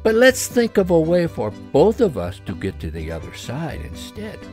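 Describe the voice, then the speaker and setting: A man's voice: a little high, wildly swooping pitch, normal speed, darkish tone, faint music behind, voice pushed up. A man voicing a friendly, earnest blind young man in a storybook, polite and eager. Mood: curious.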